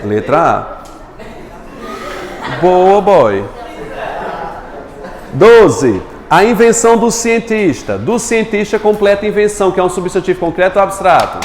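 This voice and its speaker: A man's voice: high-pitched, big pitch swings, a little slow, long pauses. A man teaching a live grammar class, quizzing his students and answering his own questions. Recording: echoey room with long reverb.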